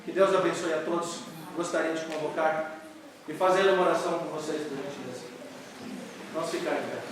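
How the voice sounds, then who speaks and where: High-voiced preacher in an echoey church. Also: male voice, steady tone, fairly quick, background noise. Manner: earnest, reverent. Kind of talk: sermon and closing prayer. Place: church sanctuary. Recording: echoey church hall, mic far off.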